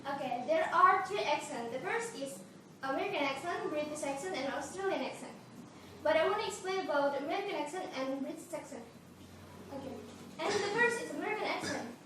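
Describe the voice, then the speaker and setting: A seventeen-year-old girl from Indonesia giving a classroom presentation, halting with many fillers and restarts. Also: high voice, lively intonation. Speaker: student presenter. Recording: echoey room, noisy, far from mic.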